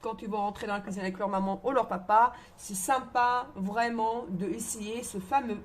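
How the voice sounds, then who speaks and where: A woman's voice: medium pitch, steady tone, normal speed. A woman with a Moroccan accent, a home cook giving a casual cooking demonstration in her kitchen and chatting through each step aloud.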